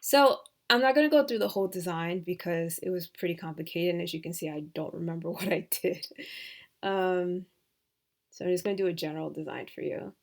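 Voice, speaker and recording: A woman giving a casual software tutorial, thinking aloud with hesitant fillers and dropping to soft mutters as she works. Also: on the low side, brisk, gravelly. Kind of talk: screen-recorded tutorial.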